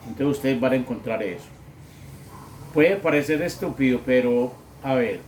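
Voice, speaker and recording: A man giving a grammar lesson as a teacher, explaining step by step and often checking with a quick question. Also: mid-range voice, darkish tone, a little hiss or hum. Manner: slow, patient, checks with "¿sí?". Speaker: English teacher.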